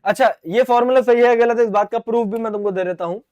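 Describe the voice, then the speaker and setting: A man in a lively, high-voiced physics lecture. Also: fast, muffled recording. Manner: animated and playful, answers himself in a student's voice; addresses students as dear children. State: sore throat. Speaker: physics teacher. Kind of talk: online exam-prep lecture.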